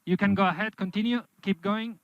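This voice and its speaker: A male race engineer speaks in race spotter radio style, with clipped, measured instructions. His voice is fairly high with a gravelly creak. The transmission sounds dull and lo-fi. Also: fairly even intonation, noisy background. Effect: team radio transmission. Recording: dull, dry, lo-fi team radio.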